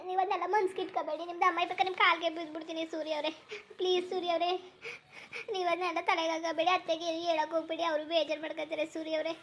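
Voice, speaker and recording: A performer doing Nandini, a shrill tearful young wife. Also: fairly bright tone, slight background noise. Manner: pleading, tearful. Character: young wife pleading for forgiveness. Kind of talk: cartoon voice acting.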